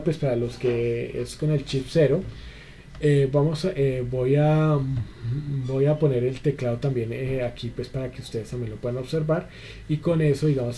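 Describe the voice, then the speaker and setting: A man with a dark-toned, mid-range voice leads an online spreadsheet course, patiently covering every step and repeating fillers like "entonces" and "listo." A faint hiss or hum runs under the recording.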